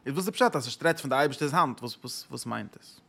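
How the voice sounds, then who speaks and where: A man's voice: medium pitch, lively intonation, fast, gravelly, fairly bright tone, slightly rough. A male religious teacher lecturing on a text, asking rhetorical questions, repeating phrases and mixing in English words.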